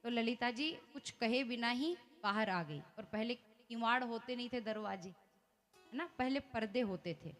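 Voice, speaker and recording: A woman telling a devotional story as a sermon, animated and speaking straight to her listeners. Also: fairly high pitch, measured pace, faint music behind. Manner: animated, addresses listeners directly. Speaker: religious storyteller.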